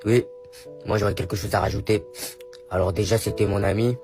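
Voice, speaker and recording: A man voicing a shameless friend giving a mock-sincere eulogy that breaks into shouting. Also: lowish voice, fairly even intonation, fairly quick, over music, close to an everyday voice. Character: mourning male friend, shameless and greedy.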